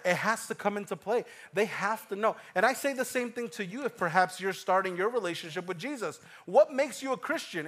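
Man preaching, high voice, animated, hushed-to-loud swings, repeats phrases, thirties. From Ecuador. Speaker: pastor. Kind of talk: sermon.

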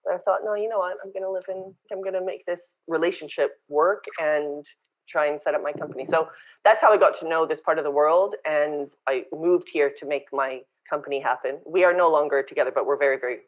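A woman raised in Canada, a podcast guest and company founder, chatting and telling lively stories over a remote call. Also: low voice, fairly quick, muffled recording. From born in South Africa, raised in Canada. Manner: chatty, storytelling, animated. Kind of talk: casual interview chat. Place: home in Brazil, remote call.

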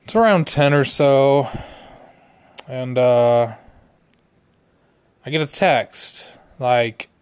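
Slow, laid-back young man telling a story. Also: mid-range voice, clean tone. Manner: laid-back, rambling, full of "like". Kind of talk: personal storytelling.

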